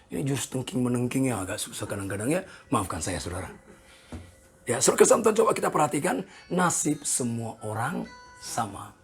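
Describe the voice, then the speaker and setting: A pastor in his sixties preaching a sermon, animated and joking with the congregation, with a gravelly, husky voice. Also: mid-range voice, fairly quick, faint music behind. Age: 60s. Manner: animated, jokes with the congregation, voices people in quoted asides.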